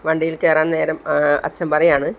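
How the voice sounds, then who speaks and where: A man's voice: a little high, monotone, normal speed, gravelly, poor audio. A man retelling a TV serial episode in plain storytelling, reading the characters' lines in his own voice. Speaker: serial recap vlogger.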